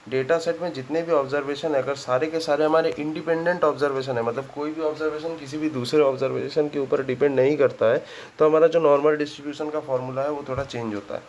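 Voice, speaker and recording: A man with a fairly high voice teaches a statistics lesson, working through sums aloud in a conversational way. He checks in with his students after nearly every step, often asking "ठीक है?". The audio is poor, with faint background noise.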